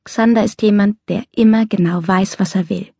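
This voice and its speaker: A woman narrating a novel in the first person, in soft, measured storytelling. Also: medium pitch, steady tone, gravelly, breathy edge, dry recording, studio quality. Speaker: audiobook narrator.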